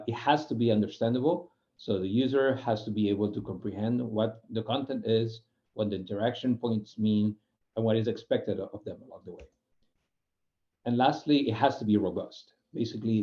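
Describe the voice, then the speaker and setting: A Spanish man who speaks English as a non-native with a Spanish accent gives an informal explanatory guest talk as a UX program manager. His voice is lowish and warm, and he often restarts phrases and searches for words. The sound is lo-fi.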